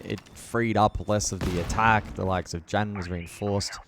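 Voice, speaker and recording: A man's voice: lowish voice, steady tone, a little slow, noisy background. A man co-commentating a live esports match in an analytical, conversational way.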